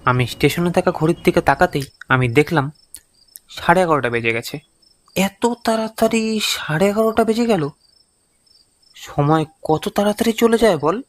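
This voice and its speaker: A man with a high-pitched voice narrates a scripted horror story in the first person at a moderate pace. His delivery is suspenseful, expressive, and dramatic.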